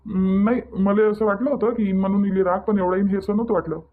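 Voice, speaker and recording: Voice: medium pitch, fairly even intonation, fast, narrow, tinny audio, lightly acted. A performer doing an earnest pleading young husband. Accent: Vidarbha Marathi (Varhadi). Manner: pleading, defensive. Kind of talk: cartoon voice acting.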